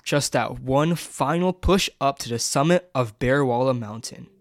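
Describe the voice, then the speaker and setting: A man's voice: medium pitch, measured pace, no room sound, soft background music. Upbeat young man explaining on a hike. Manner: enthusiastic explainer. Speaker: travel vlogger. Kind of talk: educational hiking vlog. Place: on a mountain trail outdoors.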